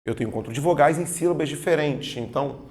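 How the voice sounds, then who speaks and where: A Portuguese teacher gives a grammar lesson for exam prep, explaining patiently and often asking "tá vendo?" and "certo?" to make sure students follow. His voice is on the high side, fast and a little mellow, and he relies on stressed spoken examples.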